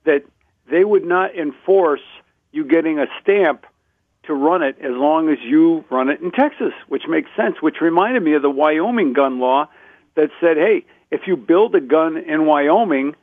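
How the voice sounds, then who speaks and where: A man's voice: on the high side, expressive, normal speed, no echo. A man calling in to a talk radio show, chatting eagerly and apologizing when he gets ahead of the host. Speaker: caller. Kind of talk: phone-in conversation. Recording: tinny phone line.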